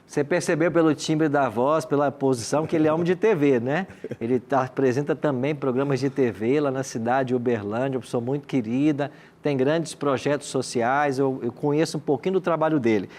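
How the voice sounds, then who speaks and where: A man's voice: medium pitch, brisk, hardly any pauses, a little mellow, slight background noise. A Brazilian man, a pastor and host, cordially introducing studio guests in a talkative way with frequent tag questions. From Minas Gerais, Brazil. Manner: cordial, talkative, often tags remarks with questions.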